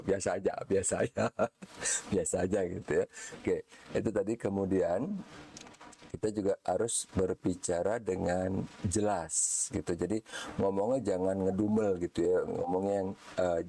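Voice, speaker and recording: Male lecturer, online class, chatty and relaxed; low, mellow voice, slight background noise. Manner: relaxed, chatty, mixing in English words. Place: home setting, online class.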